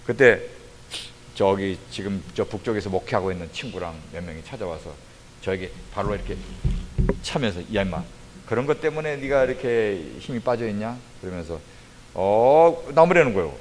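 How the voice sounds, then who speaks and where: A man preaching a testimony sermon as a missionary, telling his story with lively acted-out quotes. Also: fairly low pitch, normal speed, slight background noise. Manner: animated storytelling, acts out quoted voices. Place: church sanctuary. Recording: long hall reverb.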